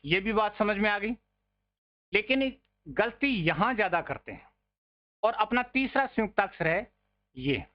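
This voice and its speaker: Slow, patient male grammar teacher. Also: sits high, highs cut off. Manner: patient, drills pronunciations by repeating words; addresses listeners as friends. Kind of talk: online grammar lesson.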